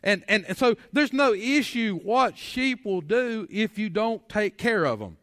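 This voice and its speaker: Man, preacher, high voice, folksy, rhetorical questions, long church reverb. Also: lively intonation, unhurried, fairly bright tone, clean studio sound. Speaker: pastor. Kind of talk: sermon. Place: church sanctuary.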